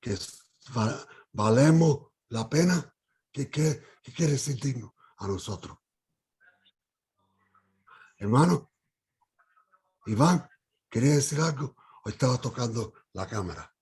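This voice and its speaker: A man leading a Bible study. He speaks haltingly, with many fillers and restarts, and puts questions to the group. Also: medium pitch, expressive, a little mellow, breathy edge.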